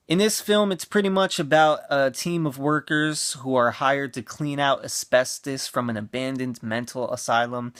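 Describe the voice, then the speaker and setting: A man's voice: mid-range voice, fairly bright tone, clear, resonant tone, dry recording. Guy rambling about his fave movies, lots of ums and restarts, dry close sound. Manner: chatty, loose with fillers and restarts. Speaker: movie channel host. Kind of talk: casual movie list review.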